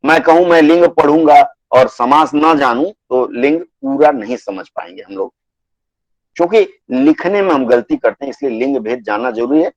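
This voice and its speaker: A man's voice: medium pitch, dry recording, highs cut off. Patient Indian man teaching Hindi grammar. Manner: patient, repeats and dictates word lists slowly. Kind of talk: online class lecture.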